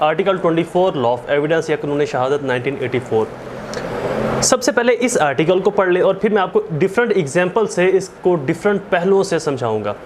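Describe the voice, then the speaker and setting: A man with a Pakistani accent and a slightly high voice teaches as a law lecturer, explaining didactically by repeating and rephrasing key terms and mixing in English. There is slight background noise.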